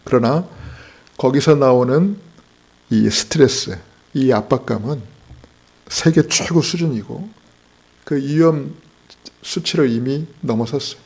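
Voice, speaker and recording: A man's voice: medium pitch, slow pace, long pauses, a little mellow, husky. A male pastor preaching a Sunday sermon, asking the congregation rhetorical questions and telling humorous anecdotes.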